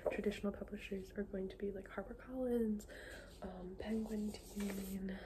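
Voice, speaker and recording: A woman's voice: medium pitch, fairly even intonation. Whispering ASMR woman, clicks and background noise. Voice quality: soft unvoiced whisper. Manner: informal, halting, often trailing off. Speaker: ASMR book video creator. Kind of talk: whispered ASMR chat about books. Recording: clearly noisy, with clicking sounds.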